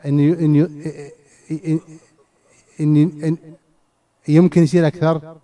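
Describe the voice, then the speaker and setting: A man's voice: a little high, level tone, moderate pace, warm tone. A man teaching a classroom lesson on scripture and grammar. He asks his students questions, repeats phrases and often restarts his words. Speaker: teacher of Quranic exegesis and grammar.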